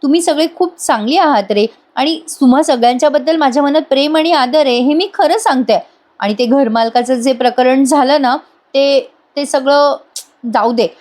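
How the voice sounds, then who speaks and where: A woman's voice: high-pitched, moderate pace, a little mellow, natural voice. A woman voicing a pleading young heroine. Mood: apologetic. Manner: pleading and emotional. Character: young woman apologizing earnestly to a close friend. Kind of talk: voice-over retelling of a TV serial.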